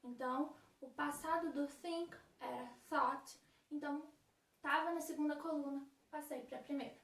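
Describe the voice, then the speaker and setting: Woman teacher, high voice, patient explainer, recorded in a roomy space away from the mic. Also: fairly even intonation, normal speed. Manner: patient, explains rules step by step with checking questions. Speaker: English teacher. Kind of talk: recorded remote lesson for high-school students. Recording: echoey room, far from the mic.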